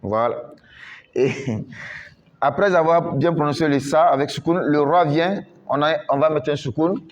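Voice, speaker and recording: Man, Quran recitation teacher, very slow delivery, repeats words, faint background hiss. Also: a little high, dull audio. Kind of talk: slow patient teaching in French with recited Arabic.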